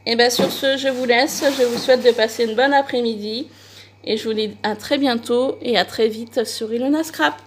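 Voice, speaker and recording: A woman's voice: on the high side, steady tone, normal speed, a little hiss or hum. Chatty French-speaking woman vlogger. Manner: chatty, many hesitations and fillers. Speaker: crafting vlogger. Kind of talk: casual haul video chat.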